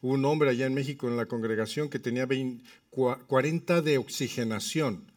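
A man's voice: mid-range voice, fairly quick, far from the mic. A man preaching a sermon and telling humorous personal stories. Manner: lively, humorous storytelling. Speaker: pastor. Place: church.

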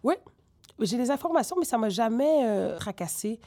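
Lively woman rapper with French accent. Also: a little high, normal speed. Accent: French with Québécois traces. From grew up in Senegal. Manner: animated, digressive, many fillers. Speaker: rapper guest. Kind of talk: candid interview conversation.

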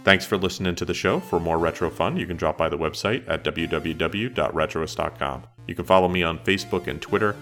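A middle-aged man hosting a solo retro podcast in a measured, conversational, matter-of-fact way. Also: low-pitched, fairly bright tone, faint music behind. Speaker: podcast host.

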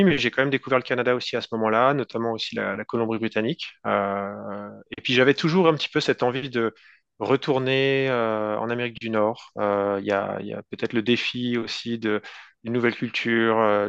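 A French man in his thirties, a guest entrepreneur, answers interview questions casually and hesitantly, with many fillers and restarts and a French accent. His voice is mid-range with vocal fry and a fairly bright tone. The recording is muffled but has no echo.

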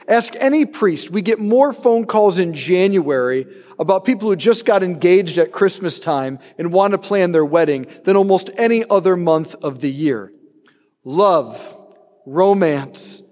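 A priest with a high voice preaches a casual, lively homily. He acts out snippets of everyday talk. His words ring out with a long reverb trailing behind them. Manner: conversational, animated preaching with acted-out quotes. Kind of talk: sermon.

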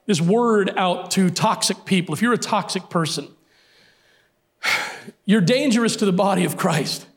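Preaching emphatically, a middle-aged pastor keeps returning to his key phrases in a high, unhurried voice that sometimes goes hoarse.

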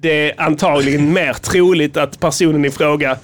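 A man's voice: a little high, steady tone. A man hosting a casual podcast, talking in a rambling, profane way with frequent restarts. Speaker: podcast host.

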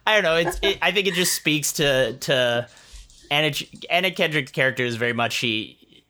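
This is a relaxed co-host talking through a movie's plot in casual chat. The voice is bright and crisp at a mid pitch, and the delivery wanders, with frequent restarts and little acted-out quotes of the characters. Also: moderate pace, a little hiss or hum. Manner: rambling, restarts often, acts out characters' lines. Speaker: film podcast co-host.

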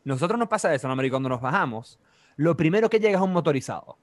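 A young man in his twenties with a Venezuelan accent, telling a story in casual chat, animated and full of slang and sound effects. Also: on the high side, racing.

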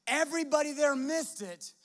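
Male pastor, Midwestern American accent, very high voice, fervent sermon with rhetorical questions. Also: moderate pace, a bit bright. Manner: impassioned preaching with repeated restarts and rhetorical questions.

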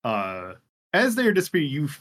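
A man's voice: a little high, wildly swooping pitch, fairly quick, a bit bright. A man running a tabletop game as game master, narrating with many fillers and restarts.

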